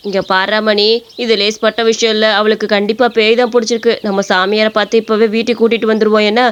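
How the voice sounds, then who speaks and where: A woman's voice: medium pitch, little pitch movement, quick pace, a little hiss or hum, pitched below the performer's own voice, natural voice. A woman voicing an older mother-in-law who frets and fusses over her daughter-in-law. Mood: fretful. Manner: fretful, fussing. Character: worried older mother-in-law, fretful and caring.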